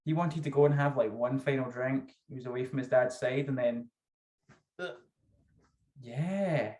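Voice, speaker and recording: A man's voice: medium pitch, unhurried, a little mellow. A man in his thirties with a thick Scottish accent, chatting casually as a guest author in an interview. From Scotland. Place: small home room, video call. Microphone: video call.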